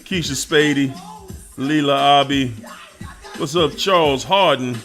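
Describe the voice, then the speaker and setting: Soft background music plays under this man's medium-pitched, fairly bright voice, which moves a little slowly. Hosting a casual livestream, he greets viewers by name in a playful, hyped-up way, laughing and breaking into bits of song.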